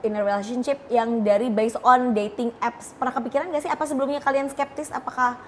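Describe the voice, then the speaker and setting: Woman host, high voice, bubbly and chatty, faint background noise. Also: fairly even intonation, brisk. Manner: bubbly, chatty, mixing in English phrases. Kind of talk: casual interview chat.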